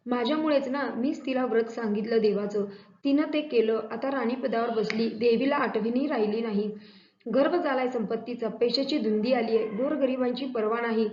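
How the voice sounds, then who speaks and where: A woman voicing an angry old beggar woman, a goddess in disguise, speaking slowly and bitterly. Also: darkish tone, close to an everyday voice. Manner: slow, low, bitter. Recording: echoey, dull lo-fi room.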